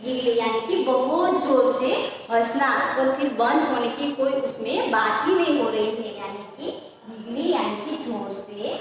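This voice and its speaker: A woman's voice: on the high side, measured pace, slight background noise. A woman teacher with an Indian English accent, giving a vocabulary lesson and spelling words letter by letter, asking questions and answering them herself. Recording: echoey room, far from the mic.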